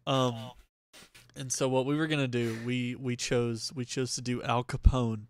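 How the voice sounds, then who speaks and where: A man's voice: mid-range voice, clear, resonant tone, no echo, studio quality. A young man co-hosting a podcast, chatting casually and telling stories from his bed at home. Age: young adult. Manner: relaxed storyteller, quick, with laughs. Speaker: podcast co-host. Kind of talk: casual chat.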